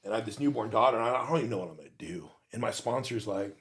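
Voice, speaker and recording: A middle-aged man, a podcast guest, telling his recovery story in casual talk, animated and laughing often. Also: on the low side, rapid-fire.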